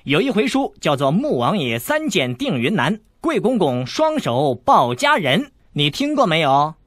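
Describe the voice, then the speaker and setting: 男声扮演的爱逗人的少年小太监, 嗓音略沙哑, 录音干. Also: male voice, on the high side, big pitch swings, fairly quick, fairly bright tone, no echo, clean studio sound. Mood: teasing. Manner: teasing, boastful, playful. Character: cheeky scheming teenage boy eunuch.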